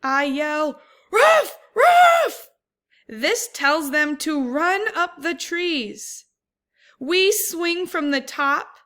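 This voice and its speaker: A woman voicing an alert young vervet monkey lookout who whispers warnings and yells alarm calls while reading a storybook aloud. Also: high-pitched, sing-song, drawn-out words, pitched above the performer's own voice, full character voice. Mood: urgent.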